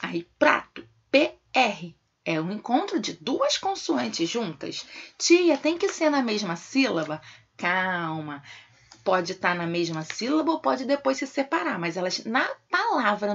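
A woman's voice: mid-range voice, very animated, a little slow, vocal fry, a little hiss or hum. A Brazilian woman teaching young children remotely, calling herself "tia" and using fond diminutives. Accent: Brazilian Portuguese. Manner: addresses pupils warmly as "tia" with diminutives. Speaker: primary school teacher. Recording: dull lo-fi home video sound.

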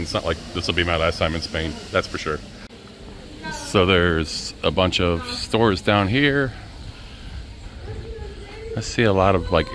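Deep-voiced guy vlogging a walk around town outdoors, laid-back chatty tone, faint traffic behind. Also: a bit bright. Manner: easygoing, chatty, addresses viewers as guys. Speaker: travel vlogger. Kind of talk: casual walking-tour narration. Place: outdoors on city streets. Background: faint street and traffic noise.

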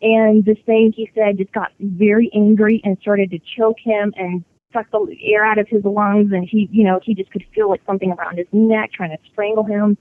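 A woman's voice: mid-range voice, level tone, normal speed, few pauses. Chatty woman over a tinny phone line. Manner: chatty, many fillers and restarts. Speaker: interview guest. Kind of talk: telling a personal ghost story.

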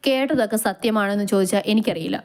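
A woman's voice: medium pitch, quick pace, darkish tone, close to an everyday voice. A woman doing a defiant, angry young man.

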